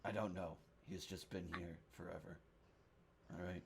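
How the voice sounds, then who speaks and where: A tired, boozy villager as a game master, a man, plays him in a tabletop game. He is low-pitched and gruff, with a creaky, weary mutter. There is faint noise behind him. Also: steady tone, normal speed. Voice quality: gruff, gravelly. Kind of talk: tabletop role-play character voice.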